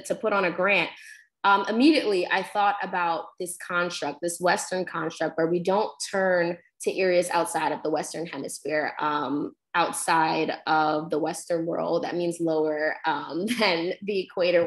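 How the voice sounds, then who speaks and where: A woman's voice: lowish voice, fairly even intonation, moderate pace. A young woman from Guyana, raised in New York, leading an online poetry workshop as instructor, speaking earnestly with frequent ums. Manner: warm, earnest, many ums. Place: home room on video call. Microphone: laptop video call mic.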